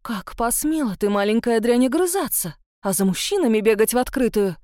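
A woman's voice: animated, fairly quick, darkish tone, no room sound, studio quality, lightly acted. A woman reading an audiobook voices a spiteful, sanctimonious old countess who hisses and scolds with scorn. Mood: scolding. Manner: hissing, scornful, shrill scolding. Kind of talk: audiobook character voice.

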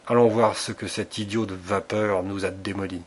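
A man's voice: on the low side, steady tone, normal speed, slightly rough. A man reading the lines of a grumbling sixty-year-old ship captain in an audiobook.

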